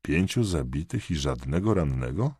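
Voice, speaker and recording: A man's voice: a bass voice, very animated, moderate pace, darkish tone, slightly rough, dry recording, studio quality, exaggerated voice. A man doing a tense, urgent police chief. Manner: clipped, demanding questions.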